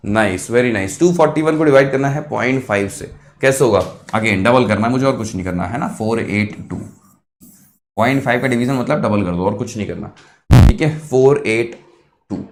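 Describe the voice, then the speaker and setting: A man teaching a live online exam-prep math class, encouraging, repeating each answer, and mixing quick calculation with motivational asides. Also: mid-range voice. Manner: encouraging, repeats answers, addresses students as kids.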